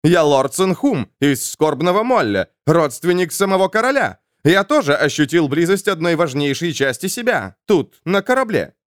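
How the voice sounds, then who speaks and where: A man's voice: fairly high pitch, big pitch swings, normal speed, hardly any pauses, dry recording, studio quality, pitched above the performer's own voice. A man putting on a pompous lord. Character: pompous indignant male noble.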